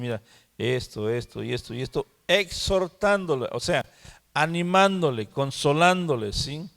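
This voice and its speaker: A man teaching the Bible at a prayer meeting. He talks slowly, repeats words and keeps asking "¿sí?". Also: medium pitch, creaky, big-room sound. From Mexico. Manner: slow, repeats words and asks "¿sí?". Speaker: preacher.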